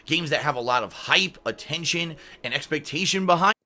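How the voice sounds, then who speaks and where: A man's voice: fairly high pitch, fairly quick, pushed and bright. A man narrating a scripted video game review through a subdued metallic robot-voice filter, sounding a bit sick. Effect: metallic robot voice filter, fairly subdued.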